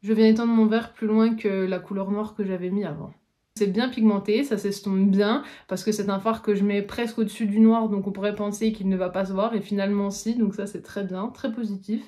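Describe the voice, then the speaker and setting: A woman's voice: mid-range voice, fairly even intonation, a little fast, dark tone. A young woman casually reviewing and applying an eyeshadow palette, chatty with frequent fillers as she demonstrates. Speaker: beauty vlogger. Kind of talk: casual makeup tutorial.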